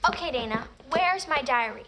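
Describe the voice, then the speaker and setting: High-pitched young woman in noir spoof. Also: lively intonation, normal speed, background noise. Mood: upset. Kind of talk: TV noir detective parody acting. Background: music.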